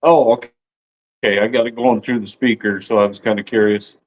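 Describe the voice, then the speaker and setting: A man's voice: on the low side, steady tone. A man calling in over a video call, heard through a speaker, chatting casually and breaking off mid-sentence as he talks. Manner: halting, breaks off and restarts. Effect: heard over a video call through a speaker, a little distant. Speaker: caller on a beekeeping livestream. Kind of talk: casual chat.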